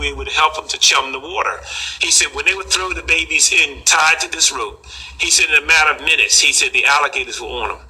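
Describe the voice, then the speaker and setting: An older man telling a personal story in an unhurried, halting way, with frequent pauses and fillers. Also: fairly high pitch, sharp tone, husky, poor audio. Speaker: collector recounting a story.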